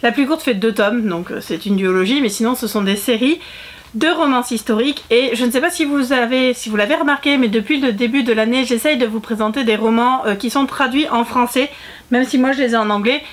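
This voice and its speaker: A woman's voice: a little high, a little fast. A woman book vlogger chatting casually to her viewers, talkative, with frequent fillers and self-corrections. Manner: chatty, full of fillers and restarts. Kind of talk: casual chat to camera.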